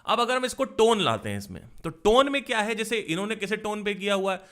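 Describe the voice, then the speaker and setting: A male vocal coach talks through a singing lesson, explaining step by step and checking in with rhetorical questions. His voice sits high for a man and sounds bright and ringing. He speaks clearly and smoothly at an unhurried pace. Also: lively intonation. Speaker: singing teacher. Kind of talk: spoken vocal lesson with sung demonstrations.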